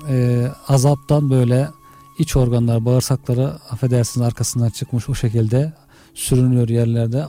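A man's voice: mid-range voice, warm tone. A man explaining religion in conversation, earnestly restating his points in small steps. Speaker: religious commentator in a discussion.

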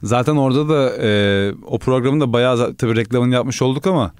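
A man's voice: medium pitch, fairly quick, a little mellow, smooth, no room sound, studio quality. A man from the Aegean region of Turkey, a music researcher chatting on radio in a joking, deferential way. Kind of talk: casual radio chat.

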